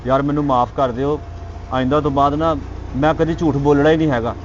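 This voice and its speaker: A man's voice: a little high, steady tone, fairly quick, slight background noise, natural voice. A man playing a lying gossip who evasively protests his innocence, recorded with dull lo-fi sound. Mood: remorseful. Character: lying gossip who sets the couple against each other.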